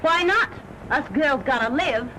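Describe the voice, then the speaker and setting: A brash young Cockney kept woman throws out high, scornful jabs. Her bright voice rides over heavy hiss from an old 1930s film soundtrack. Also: lively intonation, measured pace, full character voice, poor audio. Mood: taunting. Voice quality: sharp-tongued and scornful. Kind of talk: early-1930s film acting.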